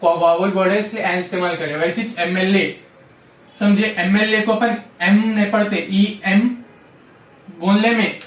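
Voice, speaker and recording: Heard from afar in an echoey room, this man teaches grammar at a slightly slow pace, his high voice keeping a fairly even intonation. He repeats rules over and over and often asks "samjhe?" to make sure students follow.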